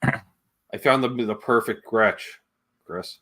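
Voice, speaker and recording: A man with a fairly low, somewhat bright voice speaks at a slow pace while hosting a livestream show. His style is casual and chatty, drifting between asides and viewer comments.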